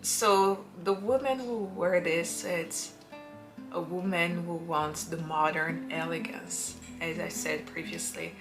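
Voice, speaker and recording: A perfume reviewer with a fairly low, fairly even voice gives casual recommendations in a vlog, music playing underneath. She is unhurried, drawing out her phrases and slipping in playful acted quotes.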